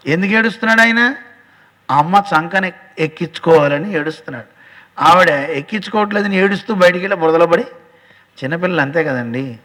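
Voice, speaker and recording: A man giving a devotional storytelling sermon as a religious teacher, animated, acting out dialogue and addressing listeners directly. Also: a little high. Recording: long hall reverb.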